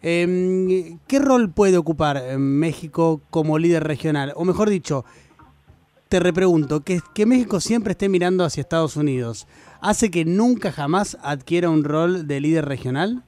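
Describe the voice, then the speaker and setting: A man hosts a radio interview, listening closely and pressing his guest with pointed follow-ups. His voice sits a little higher than most men's. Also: expressive, moderate pace, darkish tone, soft background music. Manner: attentive, probing questions with short backchannels. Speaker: radio host.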